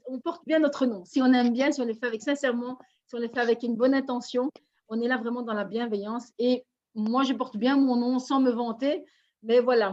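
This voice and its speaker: A woman's voice: on the high side, a little mellow, dull audio. A woman from Belgium giving a live online presentation, effusive, greeting attendees by name. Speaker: network marketing presenter.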